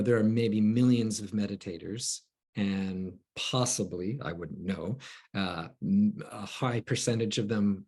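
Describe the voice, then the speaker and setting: A man hosts the discussion with a low, husky voice. He speaks very slowly and haltingly, searching for words as he frames his questions. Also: a little mellow. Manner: halting, many fillers, thoughtful questions. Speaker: host. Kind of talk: moderating a roundtable.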